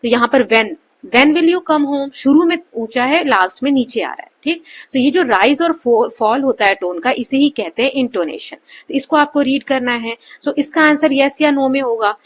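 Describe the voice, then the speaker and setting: A woman teacher explaining a textbook chapter, reading English lines slowly and then explaining them, often modeling rising and falling question intonation. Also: high-pitched. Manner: fillers and restarts.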